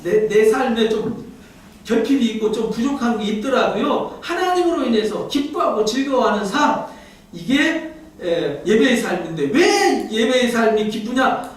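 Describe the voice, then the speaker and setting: A man's voice: extremely high pitch, sing-song, moderate pace. A male pastor giving a Sunday sermon in a conversational way, often putting questions to the congregation and leading it in reading scripture aloud. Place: church sanctuary. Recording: echoey church hall, mic at a distance.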